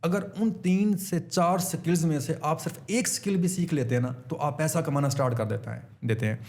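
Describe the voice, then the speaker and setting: A man's voice: a little high, a little fast, a little mellow. A man from Pakistan, a guest on a casual interview, telling his story earnestly and using many English terms. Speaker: interview guest, online seller.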